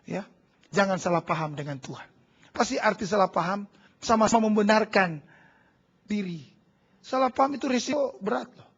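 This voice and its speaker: A man preaching a charismatic sermon. His voice sits very high and sounds breathy and husky. He swings from shouted exhortation to hushed low prayer, on a dull lo-fi church recording. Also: moderate pace, long pauses. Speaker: pastor. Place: large church hall.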